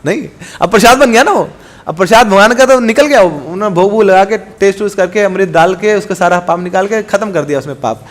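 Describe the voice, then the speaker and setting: Animated man telling a devotional sermon. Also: high-pitched, brisk. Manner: animated, conversational, asks the audience. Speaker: preacher.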